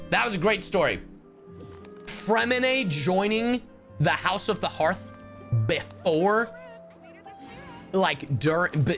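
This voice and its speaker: A high-voiced man livestreams a game, rambling animatedly through casual commentary and swearing freely.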